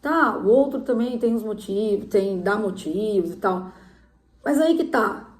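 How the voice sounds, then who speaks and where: A woman's voice: mid-range voice, expressive, a little slow, a little mellow, echoey room. A woman giving relationship advice in a casual, chatty way, full of fillers.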